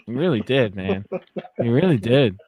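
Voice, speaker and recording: A man's voice: mid-range voice, moderate pace, slightly rough, dry recording. A young man hosting a podcast, casually and animatedly recapping a TV episode and acting out lines. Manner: animated, recaps plot with quoted voices. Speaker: podcast host. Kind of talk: casual podcast review chat.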